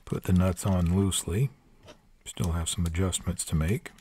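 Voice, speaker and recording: A man's voice: low-pitched, steady tone, normal speed, darkish tone, a little hiss or hum. An older man giving a hands-on tool review in a plain-spoken, practical way with dry asides. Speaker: product reviewer. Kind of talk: hands-on product review narration. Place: workshop table.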